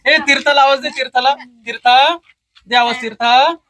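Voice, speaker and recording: A woman's voice: high voice, steady tone, moderate pace, fairly bright tone, dry recording, low-quality recording. A woman coaxing a pet crow to speak, repeating single words in a sing-song, patient way. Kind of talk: coaxing talk to a pet bird.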